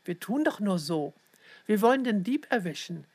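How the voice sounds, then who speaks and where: A woman voicing a small, quick and sharp little girl who talks in quick asides, in a storybook reading. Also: mid-range voice, big pitch swings.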